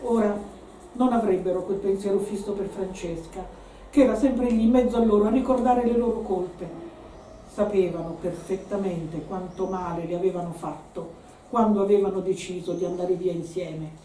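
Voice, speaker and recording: Woman reader at a book event, expressive dramatic reading, distant mic, faint room ambience. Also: medium pitch, normal speed, roomy sound, slight background noise. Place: shop venue hosting a live event.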